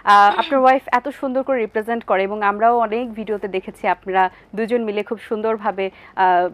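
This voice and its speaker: A woman hosting a television talk show who asks her guests questions politely, pausing on drawn-out hesitations. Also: mid-range voice, fairly even intonation. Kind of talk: TV interview questions.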